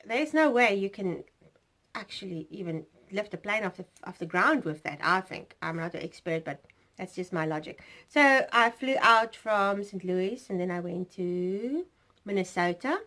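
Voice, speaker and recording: A woman's voice: medium pitch, a bit bright. A woman from South Africa with a South African accent, hosting a knitting podcast in a rambling, chatty way full of fillers and asides. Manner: rambling, chatty, self-interrupting with fillers and laughs. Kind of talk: casual chat.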